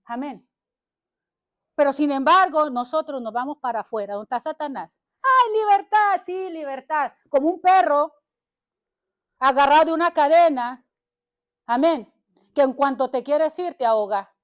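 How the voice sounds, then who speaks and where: A high-pitched woman preaching with fervor, exhorting her listeners and driving each point home. She punctuates nearly every thought with "amén", and her delivery is that of a passionate sermon streamed to an online congregation. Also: lively intonation, normal speed, long pauses. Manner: emphatic, punctuates phrases with "amén". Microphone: livestreamed to social media.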